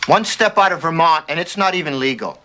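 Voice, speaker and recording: A man's voice: fairly high pitch, brisk, noisy background, close to an everyday voice. An actor playing a breezy, dismissive man brushing off his partner's worries in a flippant way, in a television drama.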